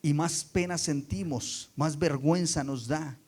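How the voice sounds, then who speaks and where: Guy preaching a sermon, kinda high voice, goes soft then loud, lots of questions to the crowd. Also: measured pace. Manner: expressive, swings between soft and loud for emphasis; asks the congregation rhetorical questions.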